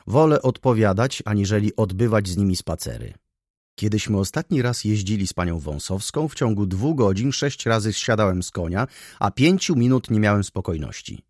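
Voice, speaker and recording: Man voicing a blunt playful young guy, cheeky, husky, dry audiobook sound. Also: lowish voice, expressive, normal speed, darkish tone, no echo. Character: cheeky, clumsy young man driving the carriage. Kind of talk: audiobook character voice.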